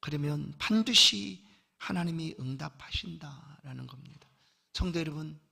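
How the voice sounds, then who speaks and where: Gravelly, bright-voiced male pastor preaching. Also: fairly high pitch. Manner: swings from loud exhortation to hushed near-whisper. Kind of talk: sermon.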